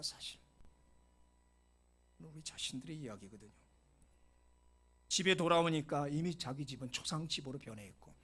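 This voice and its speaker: Middle-aged male pastor, husky and a bit high, dramatic sermon storyteller moving between whispers and exclamations. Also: fairly bright tone. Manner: mixes in short English phrases.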